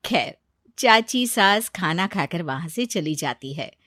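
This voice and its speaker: A woman narrating a cartoon story in an even storytelling delivery. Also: fairly low pitch, slow, no room sound, clean studio sound.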